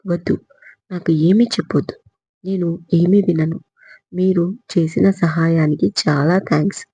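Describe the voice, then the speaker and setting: Woman narrator reading a young woman in tears, husky and dark-toned, storybook style. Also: lowish voice, fairly even intonation, unhurried, dry recording, dull audio. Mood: tearful, hurt. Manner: pleading, tearful. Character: young woman, tearful and hurt. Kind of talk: audiobook character reading.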